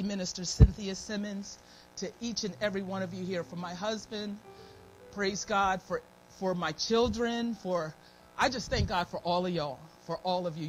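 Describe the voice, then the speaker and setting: A middle-aged American woman, serving as a church elder, delivers a folksy, devout, informal sermon from a pulpit in a church meeting room, mixing personal testimony with prayer and repeating her thanks. Her voice is medium-pitched and moderately paced, with a slightly dry, scratchy throat. Soft music plays behind her, and the live church stream recording is noisy.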